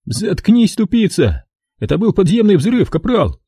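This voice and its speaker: Cheeky wisecracking private, voiced by a man reader, high, husky and lively. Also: unhurried, dry recording, studio quality, full character voice. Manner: sly, mocking, rattles on. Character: cheeky young male soldier, mocking know-it-all.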